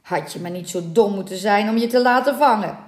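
A woman putting on loud jeering fishermen. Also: on the high side, lively intonation, takes it slowly, voice pushed up. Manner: loud, scornful, raised voice. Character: rough mocking male fishermen, jeering crowd. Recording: roomy echoing room.

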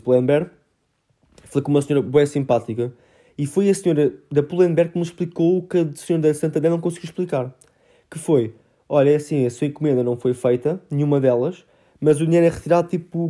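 A man's voice: on the high side, warm tone. A 19-year-old man with a European Portuguese accent, telling a story in a casual vlog and acting out phone calls. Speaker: vlogger.

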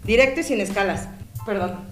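A woman's voice: medium pitch, expressive, fairly quick. A Mexican woman in her thirties, a podcast co-host telling funny stories in a laughing, slangy casual chat. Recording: roomy, faint music behind.

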